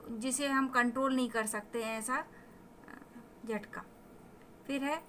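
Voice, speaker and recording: A high, bright-voiced woman leads a vocabulary lesson at an unhurried pace. She stretches out each word slowly to show how it is pronounced, then explains what it means. A faint hiss of background noise sits under her voice. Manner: slow, drawn-out word pronunciations, mixing Hindi explanations with English definitions. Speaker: teacher. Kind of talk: vocabulary lesson with pronunciation drills.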